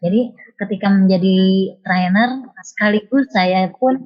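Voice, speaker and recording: A woman's voice: mid-range voice, measured pace. Woman on a choppy, breaking-up call. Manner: formal, with frequent hesitant fillers. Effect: choppy call audio breaking up. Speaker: teacher and soft-skills trainer. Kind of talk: formal testimonial over an online call. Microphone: video call. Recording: dull lo-fi online call audio.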